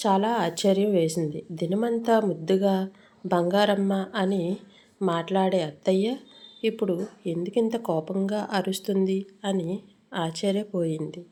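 A woman storyteller reading a suspense tale in a steady, suspenseful way. Her voice is warm and mellow, sitting at an ordinary middle pitch. It sounds like scripted narration for a story channel.

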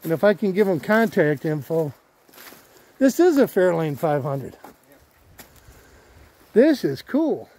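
Excited man touring a junkyard. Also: fairly high pitch, takes it slowly, long pauses. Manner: enthusiastic, easygoing. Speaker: car channel host. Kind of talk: casual walkaround chat. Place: outdoors in a wooded junkyard.

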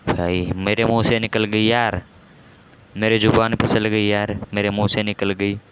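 Excitable man commentating a shooter game. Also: lowish voice, measured pace, noisy background. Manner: excitable, self-mocking banter with repeated exclamations. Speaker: gaming channel host. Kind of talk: casual live game commentary.

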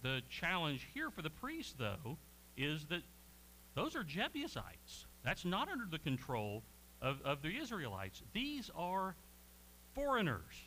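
Animated school teacher. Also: male voice, a little high, a little slow, slight background noise, rough recording. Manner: animated, folksy, frequent "okay?" check-ins. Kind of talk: conversational Bible lesson.

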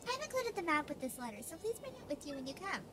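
A woman's voice: very high voice, sing-song, fast, over music, voice pushed up. A woman voicing a sweet, polite young princess in a prim, sing-song, sweetly pushy manner while playing a video game. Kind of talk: let's play voice acting.

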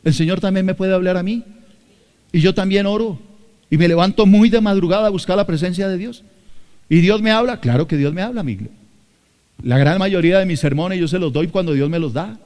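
Emphatic Colombian pastor, high voice. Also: male voice, brisk, a little mellow. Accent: Colombian Spanish, Bogotá. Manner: emphatic preaching, repeats phrases, addresses the congregation directly. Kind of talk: sermon.

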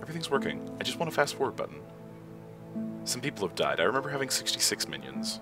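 A man's voice: mid-range voice, very animated, fast. A young man commentating his gameplay, rambling and thinking aloud with a chuckle. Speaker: let's play host. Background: game music.

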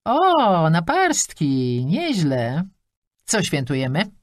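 A quirky, carefree old lady in an audiobook, put on by the woman reading it, brisk and matter-of-fact. Her voice is lively and the recording is dry. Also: fairly low pitch, dry recording, voice pushed up, full character voice.

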